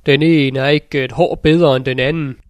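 A man's voice: medium pitch, steady tone, no echo, close to an everyday voice. A man voicing an old tailor in a fairy tale who scolds in angry outbursts. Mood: furious. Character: quick-tempered old tailor, father of three sons. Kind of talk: storybook narration.

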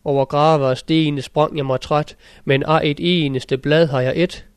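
A man's voice: fairly high pitch, steady tone, clean tone, no echo, studio quality, natural voice. A man voicing a spiteful nanny goat in a fairy tale, reciting her lines as sing-song rhymes. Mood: rhyming, sly. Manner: sing-song rhyming verse. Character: sly, spiteful female goat who tells rhymes. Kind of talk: storybook narration.

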